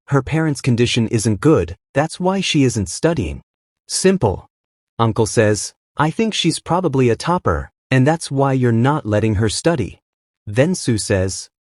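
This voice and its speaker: A man's voice: medium pitch, a little mellow, no echo, clean studio sound. A man narrating a manhwa recap, reading every character's lines in his own voice.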